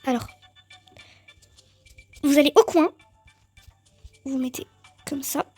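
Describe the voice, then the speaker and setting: A woman giving chatty, excitable let's-play commentary on a game, talking straight to her viewers. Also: high voice, takes it slowly, soft background music. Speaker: gaming video creator.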